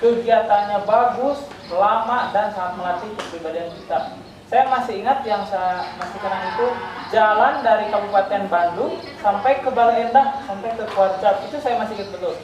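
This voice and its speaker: A man in his twenties from West Java, a teacher telling school stories in an unhurried, reminiscing way. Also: high-pitched, crowd noise. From West Java, Indonesia. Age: 20s. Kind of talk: casual school talk. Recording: echoey room, distant mic, noisy.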